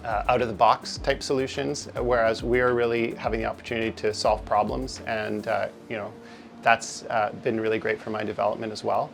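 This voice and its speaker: Gravelly, hesitant male developer. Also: fairly low pitch, flat delivery, a little fast, a bit bright, faint music behind. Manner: hesitant, many fillers. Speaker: front-end developer. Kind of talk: interview talk.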